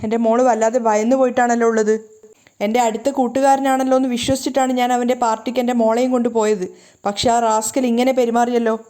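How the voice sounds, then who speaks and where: A woman's voice: fairly high pitch, little pitch movement, fast talker, warm tone, lightly acted. A woman voicing a guilt-ridden, soothing mother. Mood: regretful. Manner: soothing, coaxing. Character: guilty, tender young mother soothing her child.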